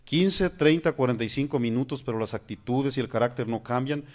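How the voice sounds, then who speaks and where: A man's voice: medium pitch, fairly quick. A man, a pastor preaching a sermon. He asks his listeners questions and keeps calling them "hermanos". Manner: acts out praying voices mid-sermon.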